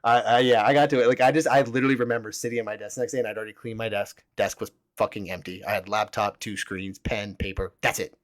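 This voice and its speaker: A young man tells his own story at a rapid clip, swearing freely and scattering "like" through every sentence. His voice sits on the low side, and the sound is close and dry with no room around it. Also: fairly even intonation, dry recording. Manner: rambling, profane, heavy use of "like". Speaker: podcast host. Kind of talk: casual storytelling.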